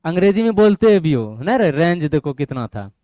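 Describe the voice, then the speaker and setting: Lecturing his class, a male math teacher keeps quizzing students and asking "getting my point?" to check they're following. His slightly high, mellow voice swings widely in pitch at a moderate pace, captured as clean studio sound with no room sound.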